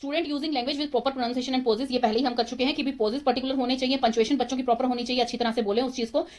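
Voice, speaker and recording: A young woman tutor giving a rapid exam revision lecture, explaining terms in a mix of Hindi and English. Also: high voice, fairly even intonation, a little mellow. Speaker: teacher-training tutor.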